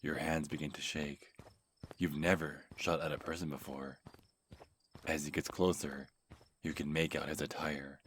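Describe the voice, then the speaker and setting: A man telling a scripted second-person horror story in a calm, measured way. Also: extremely low pitch, a little hiss or hum. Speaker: narrator and channel host.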